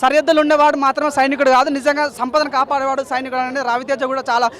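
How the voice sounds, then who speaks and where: A man's voice: very high voice, flat delivery, rapid-fire, fairly bright tone. A man gushing about a film in a street interview, repeating himself with enthusiasm. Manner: repetitive, enthusiastic, addresses listener as "bhaiya". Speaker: moviegoer giving a review.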